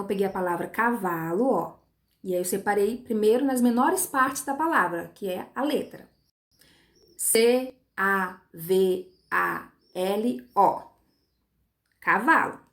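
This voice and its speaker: A woman teacher giving a recorded online lesson to young pupils, patient, spelling words out slowly and checking in with short tag questions. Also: medium pitch. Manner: patient, stretches words syllable by syllable.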